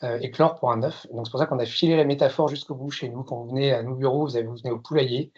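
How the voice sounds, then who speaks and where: Speaking fast with fairly even intonation, this man in his fifties from France presents a masterclass as a consultant. His mid-range voice is a little mellow and husky, the sound is lo-fi, and he hesitates often, using fillers and poking fun at himself.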